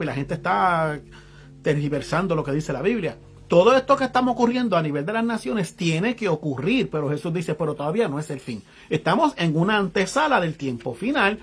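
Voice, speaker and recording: A Puerto Rican-accented evangelist preacher with a high, husky male voice delivers a sermon. He reads Bible verses aloud, then explains them in casual local slang, and greets viewers watching online.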